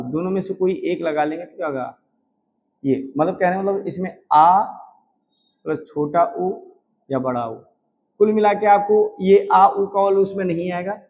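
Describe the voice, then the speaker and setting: Indian guy teaching a shorthand class, kinda high voice, repeats sounds slowly, muffled recording. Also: a little hiss or hum. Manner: keeps asking and answering his own questions; drawn-out repeated sounds for demonstration. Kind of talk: classroom lecture.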